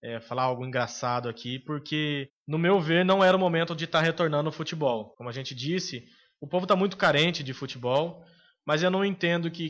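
A man with a Brazilian Portuguese accent, co-hosting a podcast in casual sports chat, opinionated and hesitant with frequent filler pauses. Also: a little high, fairly bright tone, highs cut off. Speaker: podcast co-host.

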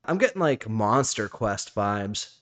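Easygoing dude on a game podcast, chuckles, fumbles for names sometimes. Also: male voice, on the low side, very animated, slow, a bit bright. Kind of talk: casual chat.

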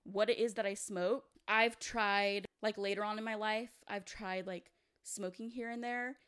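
Young female podcast co-host, smooth voice, animated casual storytelling. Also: medium pitch, unhurried. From California. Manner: animated, lots of "like", laughs while telling.

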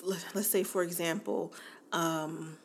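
A woman's voice: fairly low pitch, steady tone, slow pace, slightly rough. A woman in her forties hosting a podcast in a casual, chatty monologue, laughing often and talking straight to her listeners. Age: 40s. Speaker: podcast host.

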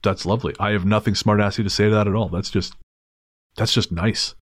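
A male podcast host with a lowish, steady voice talks fairly quickly, chatting casually with dry, wry humor and now and then reading a listener's story aloud. He jokes and hesitates, restarting his sentences, with no room sound on the recording.

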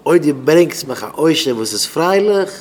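A man's voice: a little high, very animated, moderate pace. A man giving an earnest, informal spiritual talk on a podcast, often repeating phrases and restarting his sentences. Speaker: speaker on a Breslov podcast.

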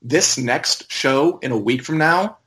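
Guy co-hosting a podcast, mid-pitched voice, casual chatty delivery. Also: slow pace, fairly bright tone. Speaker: website editor and podcast co-host.

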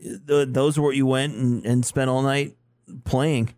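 Podcast dude chatting about games, rambly, laughs a lot, dry close mic. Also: male voice, mid-range voice, steady tone, measured pace, a little mellow, no room sound. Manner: rambling, many restarts, laughs often. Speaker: podcast co-host. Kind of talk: casual chat.

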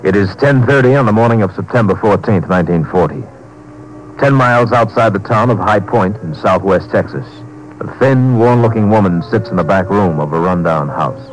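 A man narrating a 1940s radio drama in a measured, grave way. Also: lowish voice, animated, low-quality recording. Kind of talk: scripted narration.

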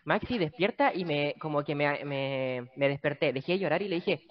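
A young man with a Chilean accent telling a story in casual chat with friends, acting out the dialogue in lively voices. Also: a little high, moderate pace, muffled recording. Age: young adult. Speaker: podcast guest.

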